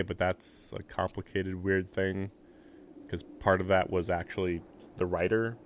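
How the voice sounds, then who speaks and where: A man with a fairly low, fairly bright voice livestreams a visual novel, reading the narration and layering in rambling, amused commentary while game music plays behind him.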